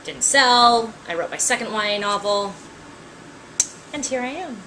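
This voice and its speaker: A woman's voice: a little high, lively intonation, a little slow, poor audio. A woman in her thirties, an author, talking casually to camera, chatty with frequent ums and wry asides. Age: 30s.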